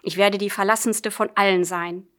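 A woman's voice: mid-range voice, steady tone, normal speed, fairly bright tone, lightly acted. A woman reading an audiobook, voicing a grief-stricken nun who tearfully begs a priest. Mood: despairing. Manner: tearful, imploring.

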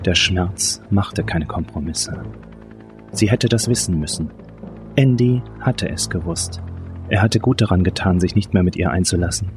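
A man's voice: low voice, moderate pace. A man reading a thriller audiobook in tense, dramatic scripted narration. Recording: narration over music. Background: music.

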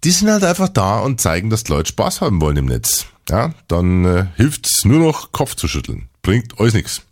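A man hosting a podcast in a casual, chatty way, his voice a little hoarse and lowered. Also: wildly swooping pitch, normal speed. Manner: chatty, loose, with frequent fillers. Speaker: podcast host.

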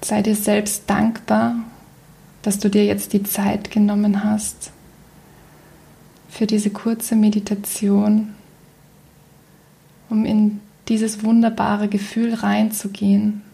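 A woman leading a guided meditation in a soft, breathy, near-whispered voice, calm and soothing with long pauses. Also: mid-range voice.

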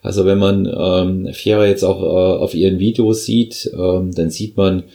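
A man hosting a podcast interview, talking in a halting, affirming way as a fellow trainer. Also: sits low, level tone, vocal fry, dark tone.

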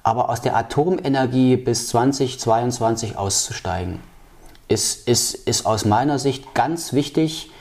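A man's voice: medium pitch, a little mellow. A man answering interview questions about policy, with frequent fillers and restarts. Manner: halting, many fillers and restarts. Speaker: political candidate.

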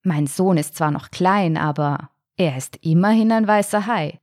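A woman's voice: lowish voice, unhurried, darkish tone, dry recording, clean studio sound, lightly acted. Woman doing a proud, boastful father shark. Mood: proud musing. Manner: gruff, grumbling, self-assured.

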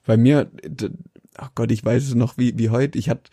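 A man's voice: mid-range voice, fairly even intonation, moderate pace, mellow, dry recording, studio quality. A man, co-hosting a casual chat and telling rambling stories with frequent laughs. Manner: rambling anecdotal storyteller, laughs often. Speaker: podcast co-host.

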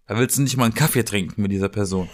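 A man's voice: on the low side, rapid-fire. Regular guy chatting, casual, keeps restarting his sentences. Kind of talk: casual chat.

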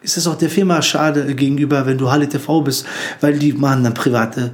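A man's voice: medium pitch, steady tone, brisk. A man from Frankfurt talking candidly as a comedian guest on a podcast, chatty and full of slang. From Frankfurt, Germany. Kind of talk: casual podcast chat.

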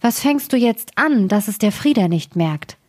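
A woman voicing a silly, cheerful young wife in a fairy tale, in a bright, naive, singsong way. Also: medium pitch, animated, normal speed, lightly acted. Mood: alarmed.

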